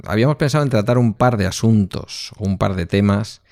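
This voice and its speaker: A man's voice: on the low side, fairly quick, vocal fry, a little mellow, no room sound, studio quality. A man the there, telling personal stories in a reflective way as a podcast co-host. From Basque Country, Spain. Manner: reflective anecdotal storyteller. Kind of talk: casual conversation.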